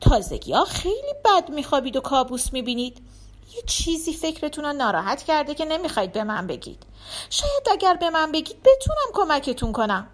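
A woman's voice: high-pitched, very animated. A woman voicing a worried noble wife, the emperor's sister, who pleads with her husband. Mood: worried pleading.

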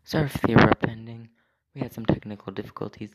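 A man hosting a tabletop game show and talking casually over a low quality stream from a computer voice call. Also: fairly even intonation, quick pace. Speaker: game master and show host. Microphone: computer mic over online voice call. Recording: roomy, noisy low-quality online voice chat.

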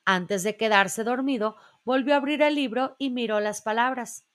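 A woman reading a children's storybook aloud in a gentle, measured way. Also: fairly high pitch.

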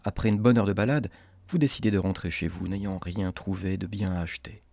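A man's voice: low voice, a little fast, gravelly, mellow. A man narrating scripted horror stories in the theatrical manner of a horror host, addressing the listener directly.

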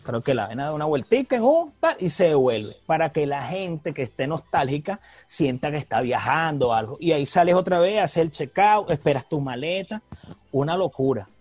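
Man, relaxed slangy podcast chat, slightly high voice, dry close sound. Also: normal speed, no echo. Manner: relaxed, slangy, laughs easily. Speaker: podcast co-host. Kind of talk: casual chat.

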